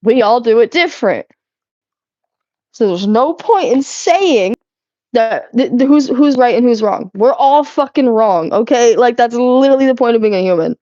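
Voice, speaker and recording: Her voice sits on the high side, warm and animated, at a normal pace. This young adult woman is cleaning during a live stream, chatting casually with viewers and giggling and swearing often. The sound is dry, slightly muffled, and has no echo.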